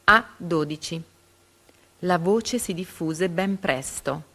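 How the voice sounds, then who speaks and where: Slow, deliberate woman reading a quiz. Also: fairly low pitch, a bit bright. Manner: deliberate, pausing after each option letter. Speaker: teacher reading a reading comprehension quiz. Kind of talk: slow, careful reading of quiz questions and options.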